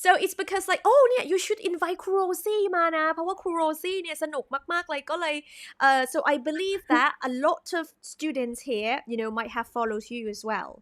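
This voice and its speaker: A woman hosting a live stream, chatting brightly and switching between Thai and English. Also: extremely high pitch, takes it slowly, dry recording, clean studio sound. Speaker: host.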